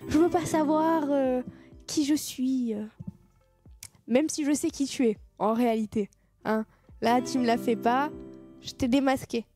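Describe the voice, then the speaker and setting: A woman's voice: high voice, normal speed, mellow, soft background music. A young woman streamer chatting casually with her viewers, swearing freely and thanking them as she goes. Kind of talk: casual live-stream chat.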